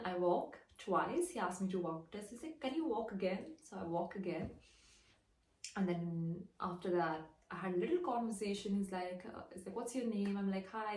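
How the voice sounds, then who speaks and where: A woman's voice: medium pitch, darkish tone. A young woman in her twenties from India, with an Indian English accent, chatting casually as she tells a story and acts out the dialogue. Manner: chatty, retells dialogue with "I'm like". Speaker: fashion model. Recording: roomy, distant mic.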